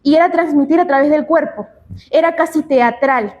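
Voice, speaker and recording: A woman's voice: sits high, moderate pace, a little mellow, lo-fi sound. A young Peruvian woman giving a conference talk on public speaking, asking rhetorical questions and answering them herself. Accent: Peruvian Spanish. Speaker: speaker at a regional congress.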